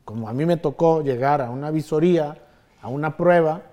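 Mexican man, podcast host, slightly higher voice, easygoing and chatty. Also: a little fast, dark tone. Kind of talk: casual podcast chat.

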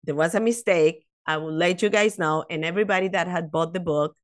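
This fifties-aged woman, a non-native English speaker, has a lowish voice and talks fairly quickly. Chatting casually as a podcast guest, she tells lively stories full of restarts, side remarks and frequent "you know"s.

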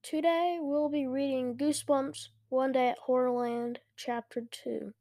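Woman host reading a kids' book aloud; unhurried, slightly high voice, close and dry. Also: fairly even intonation, warm tone, dry recording. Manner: slow, careful reading with small slips. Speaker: podcast host and reader.

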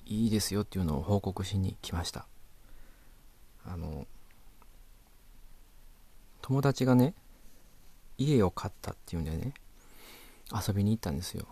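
A man's voice: low-pitched, mellow, no echo. A man with a Kansai accent telling a comic anecdote to a listener, chatty and exasperated, with polite asides. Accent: Kansai Japanese.

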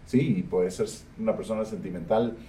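Guy hosting a podcast, low mellow voice, blunt, sounds a bit far from the mic with faint noise. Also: moderate pace. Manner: blunt, opinionated. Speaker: podcast host. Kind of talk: casual interview.

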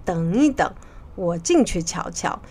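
Woman voicing a steady, bold monkey hero. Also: on the low side, unhurried, slightly rough, pitched below the performer's own voice. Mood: calm.

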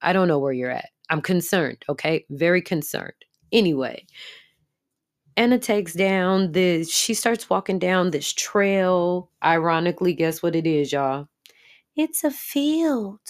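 Brief: woman, low voice, casual profane TV recap to camera. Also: measured pace. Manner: chatty, profane, addresses audience directly. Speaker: TV episode recapper.

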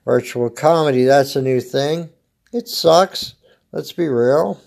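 With a medium-pitched, darkish voice and a smoker's gravelly rasp, an American podcast host in his fifties from Oregon talks slowly. His comedic monologue is casual and rambling, delivered in a dry, laid-back way.

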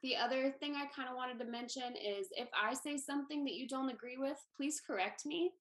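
A woman's voice: sits high, fairly quick. A woman who works as a music therapist, casually leading a group discussion in a friendly, informal, reassuring way. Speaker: music therapist and panel moderator.

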